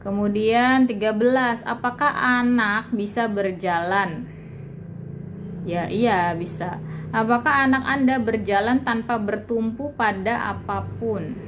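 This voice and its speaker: A woman's voice: fairly high pitch, slow pace, background noise. A young woman hosting a parenting channel, with an Indonesian accent, casually explaining a checklist step by step and addressing viewers as "Mam".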